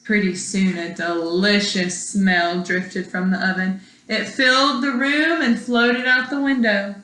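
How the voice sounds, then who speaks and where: A woman with a mid-range, unhurried voice reads a storybook to children the way a schoolteacher would for her class. She's expressive, quizzes her young audience as she goes, and the room has noticeable echo.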